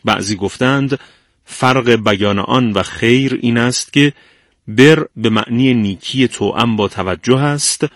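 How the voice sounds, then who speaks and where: A man with a low voice reads a scripted explanation at a calm, measured pace, like a radio presenter. The recording is dry and close, with no room sound around him. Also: no echo.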